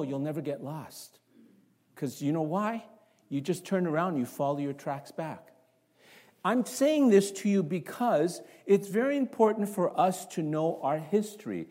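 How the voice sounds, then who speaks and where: Preaching a sermon in his church, a male Canadian pastor keeps directing rhetorical questions at the congregation with animated energy. His voice is slightly high for a man, and his pace stays measured.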